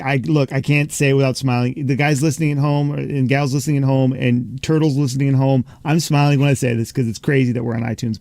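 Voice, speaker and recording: A man's voice: medium pitch, vocal fry, darkish tone, no echo. A man hosting a casual gaming podcast, talking with many fillers and restarts. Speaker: host.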